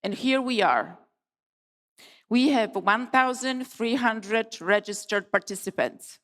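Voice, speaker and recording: A middle-aged woman from Poland giving a formal opening speech at a conference, measured and emphatic with deliberate pauses. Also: a little high. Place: large conference hall. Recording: long hall reverb.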